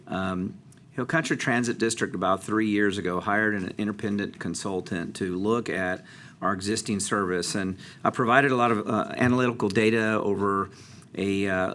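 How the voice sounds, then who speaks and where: A man with a low voice talks a city council through an update. He speaks casually and loosely, with frequent fillers and restarts. Faint room noise sits under his voice. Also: a bit bright. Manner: conversational, many fillers and restarts. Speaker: transit district presenter. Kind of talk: council presentation.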